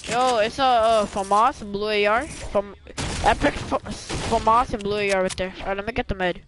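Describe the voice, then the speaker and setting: A man's voice: sits high, normal speed. A man live-streaming a squad shooter game, joking and trash-talking with his cousins as he plays. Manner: excitable, joking trash talk, yells. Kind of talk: live gaming commentary with friends. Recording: game gunfire noise in the background.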